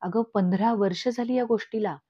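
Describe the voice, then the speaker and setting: A woman's voice: mid-range voice, moderate pace, dark tone, breathy edge, dry recording, close to an everyday voice. A woman voicing an ambitious, frustrated middle-aged uncle who pleads and boasts. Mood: pleading. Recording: dull lo-fi recording.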